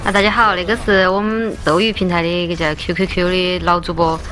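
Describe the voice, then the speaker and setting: A woman's voice: fairly low pitch, flat delivery, a little fast, a bit bright, slight background noise. A young woman with a Chongqing accent, chatting casually and teasingly with viewers during a livestream. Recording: faint music behind.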